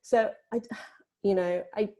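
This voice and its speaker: A film producer born in Vietnam and raised in Britain speaks informally and reflectively on a panel. She hedges often, saying "you know" and "kind of" a lot, in a mid-range, steady, mellow voice that runs a little slow.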